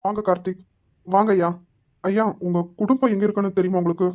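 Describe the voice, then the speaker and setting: A woman's voice: mid-range voice, steady tone, fast talker, dark tone, pitched below the performer's own voice, natural voice. A woman voicing a man who politely welcomes guests. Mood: welcoming. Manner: polite, respectful. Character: man greeting guests at the door, respectful. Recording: dull lo-fi sound with faint noise.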